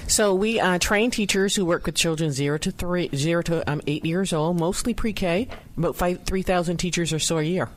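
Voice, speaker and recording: A woman's voice: on the low side, moderate pace, hardly any pauses. A woman from Barbados, a nonprofit director, answering radio interview questions in a conversational way.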